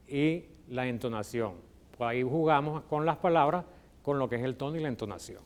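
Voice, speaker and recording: A man's voice: mid-range voice, a little mellow. Venezuelan man teaching a televised lesson. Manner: explanatory, checks in with frequent "ok?". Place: studio with electronic whiteboard.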